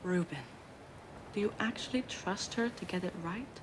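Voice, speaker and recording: A woman's voice: medium pitch, moderate pace, noisy background, close to an everyday voice. A woman playing a curt, distrustful female assistant in a mystery video game, dry and disdainful.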